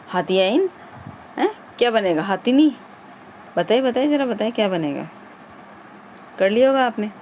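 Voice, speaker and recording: A woman's voice: mid-range voice, darkish tone, a little hiss or hum. A woman teacher running an exam-prep grammar lesson, quizzing viewers and repeating the answers.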